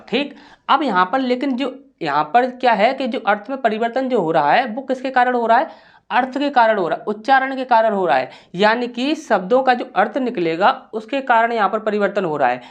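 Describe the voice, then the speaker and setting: A male teacher with a high voice gives a grammar lesson, working through it patiently and step by step in classroom fashion. He repeatedly poses rhetorical questions to his students and then answers them himself.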